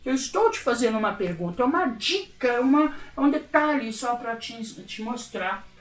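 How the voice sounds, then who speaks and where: A woman with a fairly high voice teaches English to Portuguese speakers in a chatty, checking-in way. She sounds a little far from the mic, and the room is echoey. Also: animated, normal speed. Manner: chatty, checks in often with the class. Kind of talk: recorded classroom lesson.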